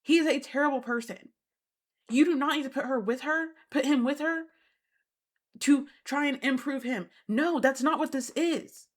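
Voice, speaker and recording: A woman with a slightly high voice hosts a reality TV recap. She talks indignantly and emphatically and often repeats her points to drive them home. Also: normal speed. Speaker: host.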